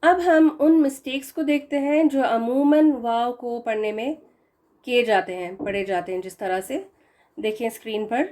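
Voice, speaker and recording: Woman teaching recitation, slightly high voice, slow careful examples. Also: mellow. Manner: patient, repeats example words slowly. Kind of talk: explaining pronunciation lesson.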